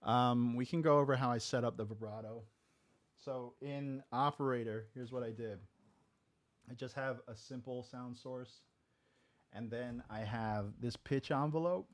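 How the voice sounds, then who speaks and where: In a home music studio, a man with a medium-pitched voice walks through a talk box technique one step at a time, in no hurry. It's a relaxed, casual tutorial, and he keeps checking in with a "right?" as he goes.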